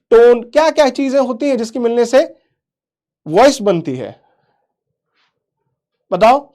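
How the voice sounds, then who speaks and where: A man's voice: very high-pitched, mellow. Man teaching a live online class. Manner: quizzes the chat, calls students "beta", repeats "theek hai"; mixes English into explanations.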